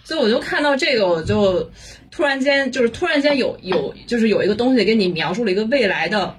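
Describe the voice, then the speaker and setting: A woman's voice: fairly high pitch, animated, fast. A woman from Beijing with a colloquial Beijing accent and some mixed influences, chatting casually as an interview guest. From Beijing, China. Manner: informal Beijing colloquial speech. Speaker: guest, visual artist. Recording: faint background noise and room ambience.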